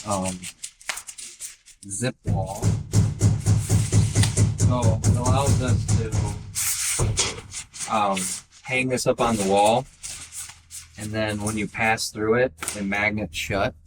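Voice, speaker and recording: Plain-spoken male contractor giving a casual walkthrough on site, clear music bed behind him. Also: fairly low pitch, fairly even intonation, slow pace, pauses often. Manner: plain-spoken, talks through numbers step by step. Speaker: flooring contractor and channel host. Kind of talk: casual how-to instruction on a job site. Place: house under renovation, indoors.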